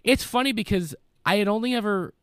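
Hosting a casual live podcast that reviews movies from his basement, a young man speaks a little fast in a voice that sits high and sounds congested and stuffed-up. He rambles and repeats words, and the tone is clean, with studio sound and no room sound.

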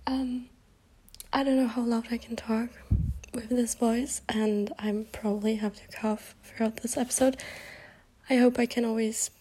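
Young woman, hoarse from illness, breathy half-whisper, slightly high voice, casual podcast chat. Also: flat delivery, a little slow, warm tone. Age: young adult. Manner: half-whispered, rambling with restarts. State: sick, hoarse voice. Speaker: podcast host.

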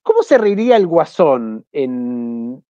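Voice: mid-range voice, slow pace, no echo. An Argentine host chats playfully over a video call, with a voice that swoops up and down as the jokes roll. The sound is dry and close but dull and lo-fi, like compressed call audio. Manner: jokey, teasing, animated. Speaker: online show host.

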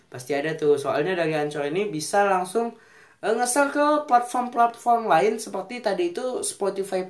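A young man with a slurred, unrolled r, rambling casually and unscripted as a podcast host. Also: fairly high pitch. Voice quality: slurred r, cannot roll it. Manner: rambling, thinking aloud. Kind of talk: unscripted casual solo chat.

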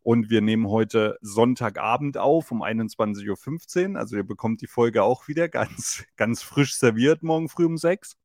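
A man's voice: medium pitch, normal speed, few pauses, darkish tone, no echo, clean studio sound. A man in his thirties co-hosting a podcast in casual chat, talking freely with many fillers and laughs. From Germany. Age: 30s. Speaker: podcast co-host.

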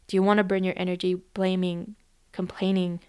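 A woman's voice: lowish voice, little pitch movement, normal speed, mellow, clean tone. A woman coach and timeline therapist talking casually, telling stories about clients in quoted dialogue and using lots of fillers. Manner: conversational, retells client sessions with quoted dialogue, many fillers. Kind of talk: casual podcast monologue.

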